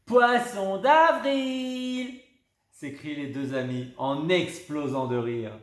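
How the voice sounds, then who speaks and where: A man reading a children's story aloud in an expressive, lively way. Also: mid-range voice, a little slow. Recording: roomy echo.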